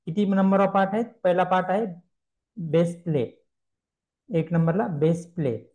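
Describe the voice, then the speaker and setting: A man giving a screen-recorded software tutorial, explaining step by step and asking himself questions he then answers. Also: high-pitched, a little slow, muffled recording. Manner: explains step by step, mixing English terms, repeats questions and answers them.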